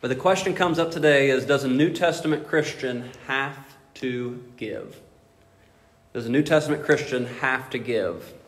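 A man's voice: medium pitch, moderate pace, fairly bright tone. Brief: male pastor, emphatic rhetorical preaching, roomy echo. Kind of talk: sermon. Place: church sanctuary. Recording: echoey hall reverb.

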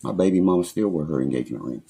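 A young man with a West Virginian accent talks very fast in a deep, gravelly, warm voice with a breathy edge, highly expressive. Livestreaming on his phone from a small indoor room at home, he rambles angrily, threatens and swears nonstop.

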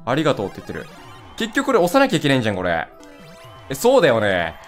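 Excitable young man narrating his gameplay. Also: mid-range voice, faint music behind. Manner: excitable, blurts rapid reactions and laughs; rough casual talk, playful mock scolding. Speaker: gaming video host. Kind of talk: let's-play commentary.

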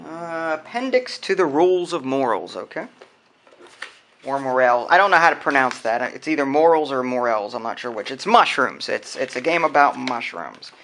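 At a wooden table indoors, a board game unboxing host handles items while chatting casually and thinking out loud. His mid-range voice is very animated and fairly bright, moving at normal speed, with slight background noise in the clip.

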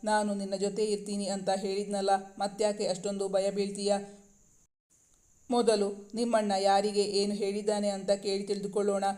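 A man's voice: high-pitched, monotone, moderate pace, warm tone, natural voice. A man reading aloud, voicing a tender, protective young man who soothes and reassures the woman he loves. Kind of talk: storybook reading.

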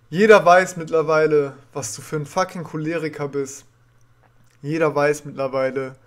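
A young man hosts a reaction video from a small room at home. His voice sits a bit high. He talks confrontationally and indignantly, swearing as he calls out a rival. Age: young adult. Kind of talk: reaction commentary, addressing a rival.

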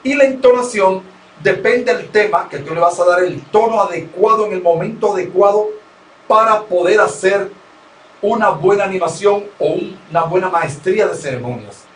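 A man's voice: high voice, normal speed. A man with a Dominican accent, an experienced radio broadcaster giving an interview, talking in an emphatic, lecturing way and repeating his key points. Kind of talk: conversational interview, instructive. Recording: roomy, distant mic.

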